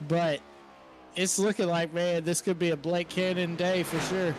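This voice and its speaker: Chuckly, high-voiced male color commentator. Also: little pitch movement, a little slow, a little hiss or hum. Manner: casual, chuckling, filler-heavy. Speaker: sim racing color commentator. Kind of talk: live race commentary.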